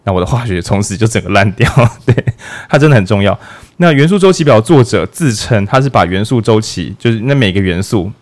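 A man's voice: lowish voice, animated, brisk. A man hosting a podcast, explaining things in a casual, playful way with jokes and acted-out asides. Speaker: podcast host.

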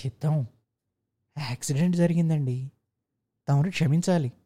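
Narrator doing a deferential male clerk, polite, crafty, mellow, storybook. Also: medium pitch, normal speed, lightly acted.

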